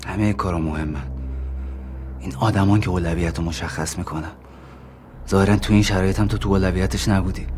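An actor playing a controlling young man who speaks calmly and soothingly, with a needling edge. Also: low voice, long pauses, a little hiss or hum, natural voice.

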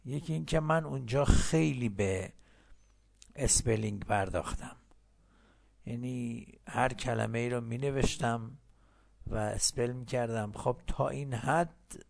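A man teaching English in a recorded lesson, patiently explaining and repeating English phrases slowly. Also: mid-range voice, gravelly.

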